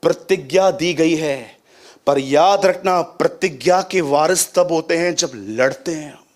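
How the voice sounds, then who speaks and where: A man delivers a sermon in a fairly high voice. He keeps turning to the congregation with questions and leans hard on the scripture he quotes. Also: a little slow. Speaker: preacher.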